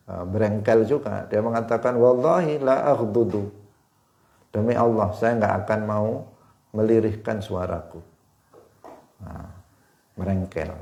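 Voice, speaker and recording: A man with an East Javanese accent teaching a hadith lesson to students, explaining slowly with rhetorical questions and frequent fillers. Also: medium pitch, vocal fry, a little mellow. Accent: Indonesian, East Javanese. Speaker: religious teacher.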